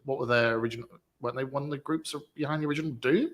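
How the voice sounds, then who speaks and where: A man's voice: mid-range voice, rapid-fire, a bit bright. A British man in casual podcast chat, bantering with dry, self-mocking humor. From Britain. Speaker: podcast co-host.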